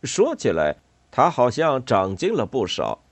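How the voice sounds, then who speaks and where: A man reading a storybook voices a hearty male bat who talks loudly with news to share. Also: mid-range voice, wildly swooping pitch, unhurried, slightly rough, no echo, exaggerated voice.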